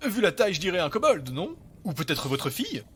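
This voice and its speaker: A man voicing an eccentric, fussy elf mad scientist in a fantasy audio story, excitable and exclamatory. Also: sits high, a little fast, breathy edge, pitched above the performer's own voice, exaggerated voice. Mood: excited, eager.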